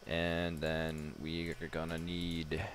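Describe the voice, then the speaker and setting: Slow and monotone, a man with a bass voice rambles casually through his gameplay commentary. The gamer pokes fun at himself and swears occasionally, recorded on a noisy home microphone.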